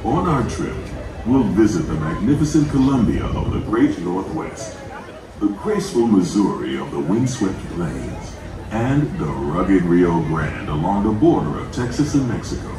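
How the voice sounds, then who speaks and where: A man playing a genial old-time riverboat captain, giving scripted tour narration over an echoing ferry loudspeaker. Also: low voice, very animated, unhurried. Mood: genial, stately. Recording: echoey distant loudspeaker, loud music and crowd.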